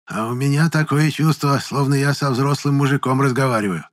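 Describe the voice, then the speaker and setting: A man's voice: mid-range voice, brisk, voice pushed up, natural voice. A man voicing a shrewd old village fortune-teller woman who probes, commands and grieves in turn. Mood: insistent. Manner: sharp, probing, commanding, then grieving.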